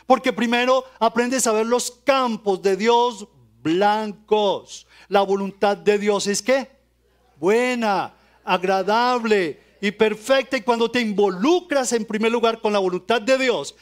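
Male preacher with a high voice, playful sermon delivery, fires questions at the congregation. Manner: asks the congregation quick rhetorical questions; joking, playful asides.

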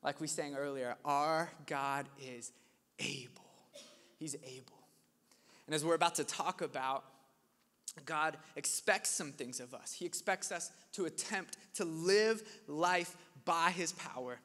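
A young man delivers a sermon in a relaxed, storytelling manner. His voice sits high and sounds bright and forceful. The long reverb of a church hall trails after each phrase. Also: unhurried. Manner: conversational, animated storytelling preacher. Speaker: pastor. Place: church hall with live audience.

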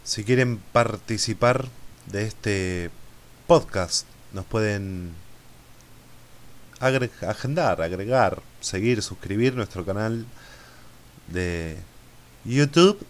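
A man with an Argentine accent and lisping s sounds, hosting a podcast casually in a drawn-out, dramatic way. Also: fairly low pitch. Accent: Argentine Spanish. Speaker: podcast host.

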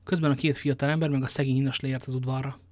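A man narrating a classic adventure story in a calm, even reading manner. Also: mid-range voice, no room sound.

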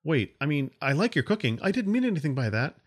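A man's voice: on the high side, big pitch swings, quick pace, pitched above the performer's own voice. A man voicing a nervous, awkward young man who stammers and hesitates. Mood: flustered.

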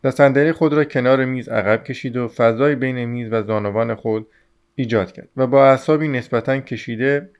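Man, audiobook narrator, measured steady reading, mid pitch. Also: lo-fi sound. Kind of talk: reading a novel aloud.

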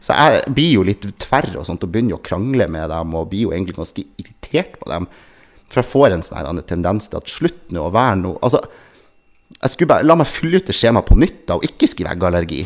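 Guy with a lowish voice rambling thru a story, lots of ehs and restarts, acts out the other people. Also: big pitch swings. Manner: rambling, many fillers and restarts. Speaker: podcast co-host. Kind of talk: casual chat, telling an anecdote.

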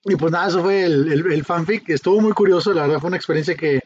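A man's voice: on the high side, fast, slightly rough, highs cut off. A young man with a Mexican Spanish accent, chatting casually and laughing often with lots of slang. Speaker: podcast co-host. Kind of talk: casual chat.

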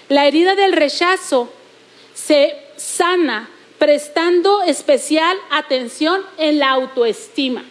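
A woman with a Mexican accent preaching a sermon, repeating phrases and slowing down to stress her points. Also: high voice.

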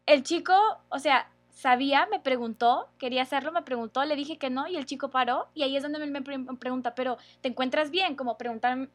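A woman's voice: high voice, a little fast, few pauses. A young woman telling a personal story in casual chat, conversational with frequent fillers.

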